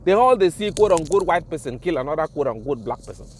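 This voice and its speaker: A man's voice: a little high, animated, quick pace, a little mellow, slight background noise. A man with a Nigerian accent, mixing Pidgin and English in an indignant, impassioned vlog rant, swearing and repeating himself for emphasis. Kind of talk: ranting vlog monologue.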